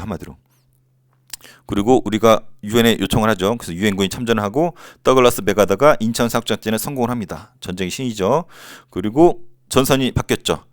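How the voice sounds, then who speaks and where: Brief: male history teacher, mid pitch, playful and teasing, recorded dry and close. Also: no room sound. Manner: joking, teasing asides in banmal; playfully acts out short quotes. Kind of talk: lively casual lecture.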